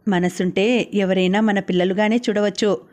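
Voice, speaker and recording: A woman's voice: medium pitch, steady tone, moderate pace, lightly acted. A woman reading the lines of a playful, affectionate young man in an audiobook novel. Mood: teasing. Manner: playful, gently teasing.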